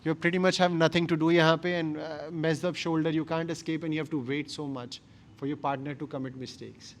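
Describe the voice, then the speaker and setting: Indian-accented man coaching grappling, higher-pitched voice. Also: level tone, brisk. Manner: emphatic, short repeated phrases. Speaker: jiu-jitsu instructor. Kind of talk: hands-on martial arts class instruction. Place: indoor martial arts class.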